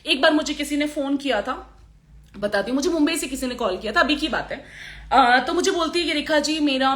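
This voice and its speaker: A woman makeup artist chatting on a live stream, with a sore throat, animated and laughing often. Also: high voice, echoey room. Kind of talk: motivational live chat.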